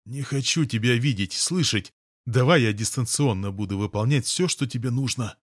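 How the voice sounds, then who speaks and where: A man reading an audiobook, voicing a stubborn, hostile young woman with a sharp, petulant, tearful manner. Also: mid-range voice, moderate pace, husky, no echo, clean studio sound, natural voice. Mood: irritated. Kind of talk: audiobook character voice.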